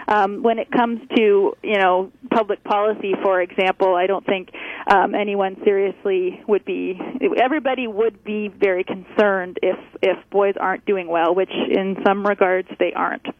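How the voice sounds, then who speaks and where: A woman's voice: medium pitch, steady tone, no echo. Woman researcher calling in, thin phone-line sound, dry, kinda hesitant with lots of ums. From Canada. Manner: measured, hesitant with fillers. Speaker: researcher guest. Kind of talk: radio interview by phone. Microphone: telephone line.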